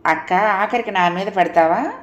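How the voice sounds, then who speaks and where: A woman's voice: medium pitch, normal speed, reverberant, muffled recording, lightly acted. A woman voicing a young wife in an audio story, curious and a little guarded.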